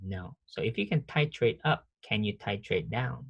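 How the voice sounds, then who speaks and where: Nursing professor on a video call, dry close sound, chatty lecturer who quizzes the class. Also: male voice, on the low side, expressive, moderate pace, vocal fry, a bit bright, breathy edge, no echo, lo-fi sound. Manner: conversational, restarts often, quizzes students.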